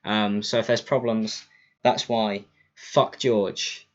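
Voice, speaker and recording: A man's voice: lowish voice, fairly even intonation, slow pace. Man on a lo-fi livestream mic. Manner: rambling, apologetic, stumbles over words. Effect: lo-fi livestream mic audio. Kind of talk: casual livestream chat. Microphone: cheap computer mic for streaming. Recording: dull lo-fi streaming mic, faint music.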